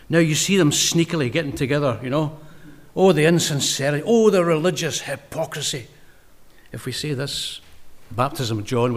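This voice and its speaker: A man preaching a sermon, impassioned, rising to loud emphasis and dropping to quiet, low asides, reading verse slowly and deliberately.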